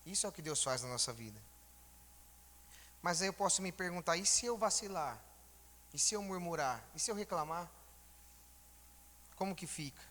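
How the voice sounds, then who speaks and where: Brief: male church elder, higher voice, bright tone, informal conversational sermon, reverberant church hall. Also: lively intonation, moderate pace, long pauses. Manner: informal, asks the congregation rhetorical questions.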